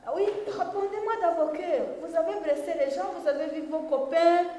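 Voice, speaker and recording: A religious sister telling a moral story to children, often stopping to ask them questions. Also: female voice, extremely high pitch, mellow. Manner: asks the children questions and pauses for answers. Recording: roomy hall with long reverb.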